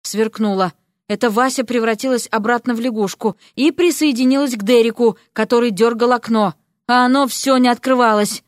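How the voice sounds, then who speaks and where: A woman narrating a fantasy story in an expressive, lively reading. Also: on the high side, a little fast, dry recording, studio quality. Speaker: audiobook narrator.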